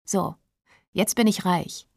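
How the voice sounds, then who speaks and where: A woman's voice: fairly low pitch, steady tone, slow pace, creaky, dry recording, studio quality, full character voice. A woman voicing a cheerful, teasing fifteen-year-old boy in a read-aloud story. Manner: bouncy, teasing.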